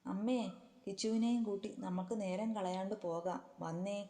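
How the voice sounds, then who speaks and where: Lady doing a calm caring housemaid, gentle and soothing, dark tone, reverb. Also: medium pitch, moderate pace, close to an everyday voice. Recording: long reverb.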